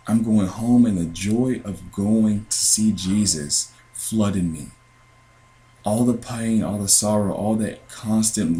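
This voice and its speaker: Twenties American man, low pitch, earnest halting testimony. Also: dark tone, rough recording. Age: 20s. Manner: earnest, halting, with many restarts. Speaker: dream sharer. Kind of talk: personal testimony.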